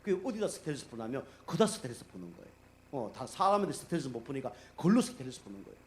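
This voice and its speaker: A middle-aged man preaching as a pastor in a church, telling stories in a casual, animated way and acting out the people he quotes. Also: medium pitch, racing. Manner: animated, acts out quoted speech, many fillers. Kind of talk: conversational sermon storytelling. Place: church sanctuary.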